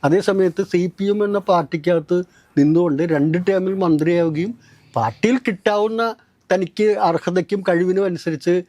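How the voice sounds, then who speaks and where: Measured explaining man, dry close sound. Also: high-pitched, mellow, no room sound. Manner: measured and explanatory, with long recounting turns. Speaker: host of political discussion. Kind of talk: political analysis talk.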